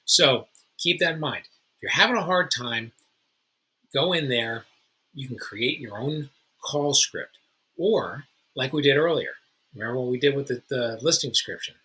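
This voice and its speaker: A man with a very bright, forward tone and a husky edge walks other realtors through his methods. He talks in a loose, chatty way, full of restarts and slang. It sounds like a casual tutorial from one agent to his peers. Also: mid-range voice, animated, moderate pace, poor audio. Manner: informal, chatty, self-correcting. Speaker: realtor and channel host. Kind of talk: casual how-to talk to fellow agents.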